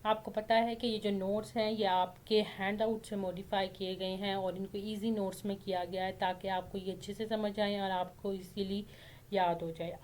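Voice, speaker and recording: A woman's voice: medium pitch, darkish tone, slight background noise. A woman from Pakistan, giving a casual spoken lecture as an online tutor and often checking in with "theek hai". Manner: explains with frequent fillers and "theek hai" check-ins.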